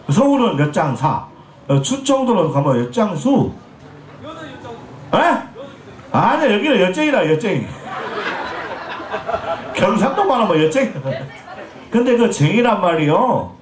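Man in his forties from jeolla, pumba stage comic, high bouncy voice, teasing banter, slightly scratchy throat, echoey festival PA. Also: big pitch swings, moderate pace, pauses often. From Jeolla, Korea. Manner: joking, teasing, chatty with the audience. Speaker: pumba street performer.

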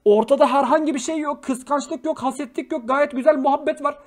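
A man's voice: extremely high pitch, brisk, a little mellow. A young man hosting a casual livestream, reading viewer messages, swearing freely and flaring into angry rants before apologizing. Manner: slangy, jokey, affectionate with viewers. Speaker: livestream host.

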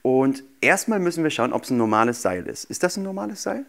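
Slightly high and a little fast, this man's voice swings widely in pitch and carries some vocal fry. He's in his thirties, a guest magician demonstrating tricks for children in a casual, playful way on a small, furnished indoor TV studio set.

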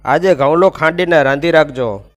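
A man's voice: fairly high pitch, normal speed, lightly acted. A man voicing a worried older mother-in-law in a devotional folk tale, anxious and pleading.

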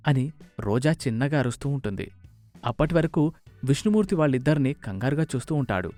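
A man narrating a scripted story, expressive and animated. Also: medium pitch, brisk, faint music behind.

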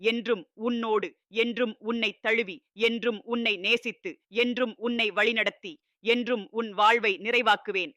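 A man voicing a loving fatherly god who speaks to his child in a scripted devotional address, solemn and tender, with steady repetitive reassurances. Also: very high voice, moderate pace, no echo.

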